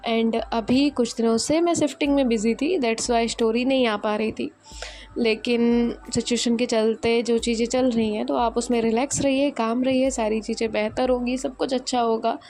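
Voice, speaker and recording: A young woman narrating a romance story in a gentle, unhurried way, then chatting with her listeners. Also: a little high, fairly even intonation, faint music behind. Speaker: storyteller and channel host.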